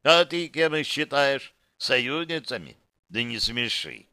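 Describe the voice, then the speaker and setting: A man's voice: medium pitch, sing-song, takes it slowly, bright, forceful tone, smooth, no echo, studio quality, full character voice. A man voicing a cynical male demon who lives as the hero's alter ego and sneers at him, read as an audiobook. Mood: smug mocking. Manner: cynical, sneering, laughs at others.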